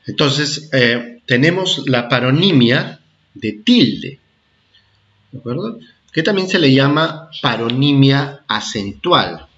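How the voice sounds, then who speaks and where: Man, primary teacher, very slow, repeats himself, dull lo-fi sound. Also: medium pitch, lively intonation, a bit bright. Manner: slow, repetitive, checks understanding with "¿ah?" and "¿de acuerdo?". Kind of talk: recorded classroom lesson for children.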